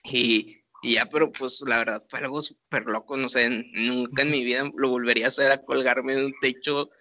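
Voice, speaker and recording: Young Mexican man, lively slangy storyteller, bright voice, dull lo-fi recording. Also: mid-range voice, moderate pace, no room sound. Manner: laughing, animated retelling with slang. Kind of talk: casual storytelling. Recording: dull lo-fi sound.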